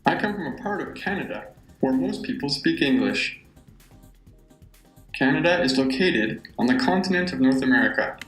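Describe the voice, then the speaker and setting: A speaker reads a short class narration slowly and deliberately. The echoey room recording carries a faint bed of music underneath. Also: medium pitch, expressive, a bit bright. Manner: slow, deliberate reading.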